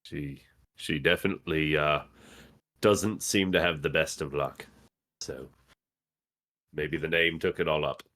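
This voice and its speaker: A man playing a tabletop game, speaking in a hesitant, halting way. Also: rumbling low, fairly even intonation, sharp tone. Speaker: player. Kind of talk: casual tabletop play.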